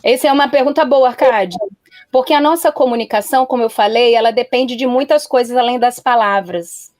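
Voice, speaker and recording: A woman speaks in a fairly high voice and gives earnest, emphatic advice. She repeats her warnings to drive them home. The sound is dry and close, with faint music underneath. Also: a little fast, darkish tone, no room sound. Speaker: guest counselor. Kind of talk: live-stream talk show advice.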